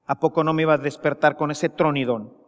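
A man with a Mexican accent preaching a sermon, slow and emphatic, rising into impassioned pleas. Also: a little high, steady tone, big-room sound. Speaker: priest.

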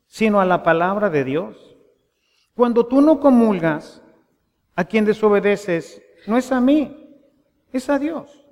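A man with a Mexican accent, a parish priest giving a conversational sermon full of rhetorical questions. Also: high voice. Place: church. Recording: long church reverb.

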